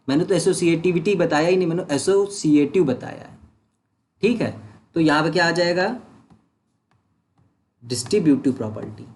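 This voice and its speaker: Man teaching maths, slightly high voice. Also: a little mellow. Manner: explains step by step, asks and answers his own questions; mixes English words into Hindi. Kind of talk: online doubt-solving lesson.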